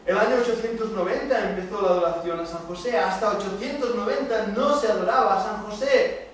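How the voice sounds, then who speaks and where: A middle-aged man with a Spain Spanish accent, teaching a Bible study to young people, speaking emphatically and putting rhetorical questions to the room. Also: sits high. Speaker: church youth teacher. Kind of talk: Bible study lecture to youth. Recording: echoey room, distant mic, faint noise.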